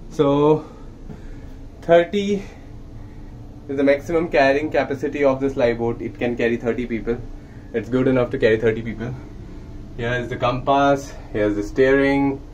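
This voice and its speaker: A man's voice: medium pitch, darkish tone, a little hiss or hum. A young man touring a lifeboat for his vlog, explaining plainly while filming on his phone, with Hindi mixed into his English. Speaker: merchant navy officer vlogger. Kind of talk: casual guided tour vlog. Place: inside a ship's lifeboat. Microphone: handheld phone.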